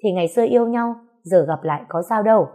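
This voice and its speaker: A woman's voice: mid-range voice, fast, dark tone, voice pushed up, natural voice. A woman reading a story aloud, voicing a bossy, foul-mouthed older woman. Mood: teasing. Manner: blunt, scolding, swearing.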